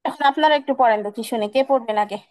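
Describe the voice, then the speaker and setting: A woman with a high, light voice leads an online class. She patiently repeats each syllable over and over to drill the pronunciation. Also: a little mellow, no room sound, poor audio. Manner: patient, drills sounds by repeating them slowly. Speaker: Quran recitation teacher.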